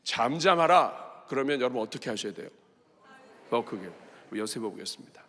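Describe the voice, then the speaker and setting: A male pastor preaching a sermon with passion, acting out a beggar's cries in loud shouts. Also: on the low side, fast. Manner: impassioned, acts out the blind man's cries with shouts. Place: large church sanctuary. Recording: long reverb of a large sanctuary.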